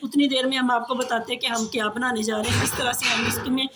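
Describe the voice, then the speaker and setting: Over loud music, a woman with a Pakistani Urdu accent talks fast in a fairly high, flat voice. She runs a home cooking and tips vlog and gives a casual kitchen demonstration while nursing a sore throat and cough, chatting repetitively and frequently calling viewers ji.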